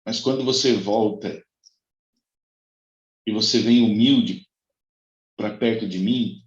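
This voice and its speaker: A man preaching as a pastor, telling a personal testimony with dramatic swings between high cries and soft low passages. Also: slow. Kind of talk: sermon testimony. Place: church. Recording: echoey, dull lo-fi church recording.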